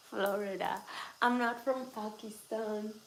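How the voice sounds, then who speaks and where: A slightly high, creaky voice belongs to an adult woman over twenty-six hosting a relaxed home livestream. She chats, pokes fun at viewers, and laughs frequently, in an echoey room with faint background noise.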